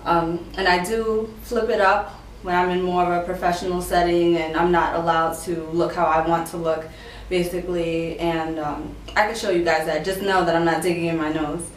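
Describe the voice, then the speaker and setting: A woman's voice: lowish voice, little pitch movement, normal speed. Young woman chatting casually, distant echoey sound. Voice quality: speech slightly affected by a dental retainer. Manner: conversational storytelling, acting out quoted exchanges. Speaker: vlogger sharing personal experience. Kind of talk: casual chat to camera. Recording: roomy echo, distant mic, faint noise.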